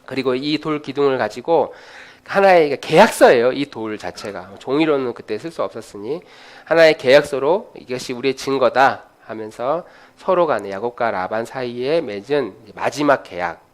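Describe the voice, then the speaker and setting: Animated preacher telling a story. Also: male voice, medium pitch, normal speed. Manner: animated storytelling with frequent fillers. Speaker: pastor. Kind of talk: sermon.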